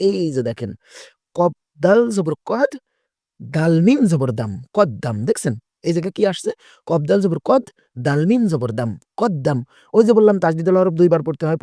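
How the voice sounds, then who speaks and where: Male Quran teacher, patient and repetitive, a touch high-voiced, dry close sound. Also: darkish tone, no echo. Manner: patient, repetitive, asks and answers his own questions. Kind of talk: tajweed lesson, spelling out letters.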